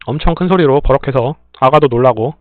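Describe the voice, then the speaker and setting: A man's voice: medium pitch, fast, no echo. Man reading stories on a tinny line. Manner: plain steady reading, brief dry remarks. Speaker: story reader and channel host. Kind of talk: reading listener stories aloud with short comments. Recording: tinny phone-like dry sound.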